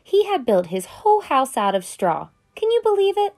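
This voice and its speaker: A woman's voice: high voice, wildly swooping pitch, normal speed, darkish tone, voice pushed up, full character voice. A woman reading as Al the sly wolf. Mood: sly, chatty. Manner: chatty, conspiratorial storytelling with big swings. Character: sly smooth-talking male wolf telling his side. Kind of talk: children's picture book read aloud.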